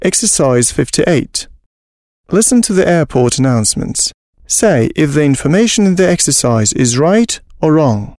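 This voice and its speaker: A man narrates scripted exercise instructions in a fairly high male voice. The sound is dry and close, with no room around it. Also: sing-song, moderate pace, a little mellow, dry recording.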